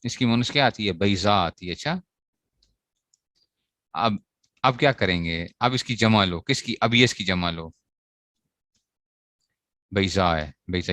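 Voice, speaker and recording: A man's voice: fairly low pitch, a bit bright, no echo. A man teaching a grammar lesson to students, asking questions and answering them himself as he repeats the key points. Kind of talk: classroom lecture on Arabic grammar.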